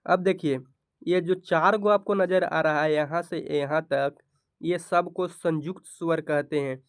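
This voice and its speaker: Male teacher, slightly high, smooth voice, asks and answers his own questions, close dry mic. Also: fairly even intonation, unhurried, no room sound. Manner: repeats each question and answers it himself. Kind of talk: grammar lesson for board exam students.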